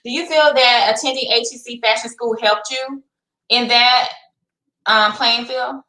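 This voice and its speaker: A woman's voice: on the high side, fairly even intonation, a little slow, pushed and bright, reverberant, rough recording. A woman hosting a casual live-stream interview over a video call, chatty and curious, with many fillers. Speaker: host.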